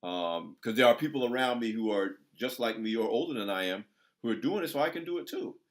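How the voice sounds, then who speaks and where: In a conversational interview, the host, a man in his sixties, rouses his audience with emphatic, sermon-like speech. His mid-range voice is expressive and moves a little fast.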